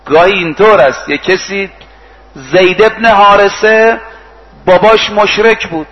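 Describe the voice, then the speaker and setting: Higher-voiced male preacher in an echoey hall. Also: highs cut off. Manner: retells stories, acts out the speakers' lines, recites Arabic verses. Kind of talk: sermon with storytelling.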